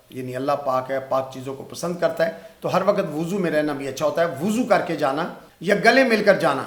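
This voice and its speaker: Pakistani guy teaching english, kinda high voice, says the examples super slow, roomy echo. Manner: explains step by step, repeats example sentences slowly. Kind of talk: spoken English lesson. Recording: echoey room.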